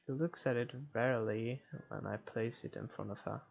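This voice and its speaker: Narrating a visual novel playthrough, the player speaks in a creaky mid-range voice with fairly even intonation and moderate pacing, adding casual remarks and occasional stumbles. Game music plays behind the muffled recording.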